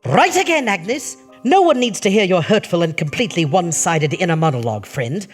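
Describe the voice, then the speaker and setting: A man performs a hammy, spooky horror-show host, his voice swooping wildly up and down with every line. The tone is breathy and theatrical, with campy melodrama throughout. Light music plays behind him. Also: sits high, very animated, brisk. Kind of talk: comedy horror-host sketch.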